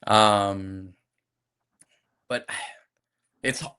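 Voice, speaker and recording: Very slow and smooth, a man's lowish voice belongs to an actor from France chatting casually in an interview. He's relaxed but hesitant, restarting often, and his French accent is light, worn down by years abroad.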